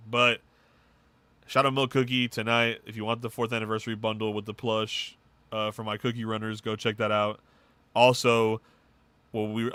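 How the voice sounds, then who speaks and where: A man co-hosting a podcast, rattling off game news in casual, swearing slang with excitement. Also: medium pitch, smooth, no room sound. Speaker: podcast co-host. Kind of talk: casual chat.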